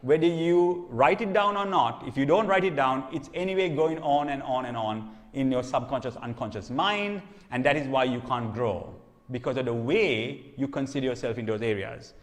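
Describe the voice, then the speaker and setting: A man's voice: medium pitch, animated, moderate pace. A man preaching in a conversational teaching style. He often asks "okay?" to check in and repeats or restarts phrases. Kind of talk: sermon teaching. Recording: long reverb hall.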